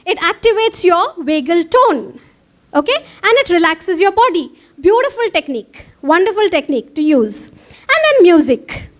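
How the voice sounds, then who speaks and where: A woman's voice: very high voice, big pitch swings, moderate pace. A woman with an Indian English accent giving a conference lecture, engaging the audience with frequent questions.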